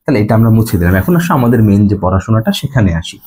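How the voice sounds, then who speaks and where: A man's voice: lowish voice, very animated, rapid-fire, mellow, slight background noise. A young man teaching a physics lesson, repeating key points and checking that students follow. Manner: repetitive, asks students check questions. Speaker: physics tutor. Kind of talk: classroom lecture.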